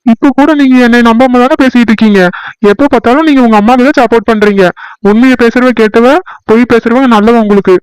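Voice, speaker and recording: A quarrelsome young wife full of self-pity, put on by a man, firing off indignant complaints in a high voice. The sound is smooth and clear, recorded dry and close, as in a comedy skit. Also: fairly even intonation, no room sound, poor audio. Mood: aggrieved. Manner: indignant, complaining, rapid accusations.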